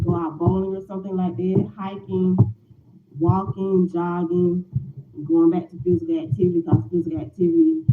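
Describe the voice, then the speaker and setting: Speaking on the low side, a woman in her 40s rambles through a casual morning chat for her lifestyle vlog, repeating herself and leaning on filler words. The recording is reverberant, narrow and tinny, with background noise.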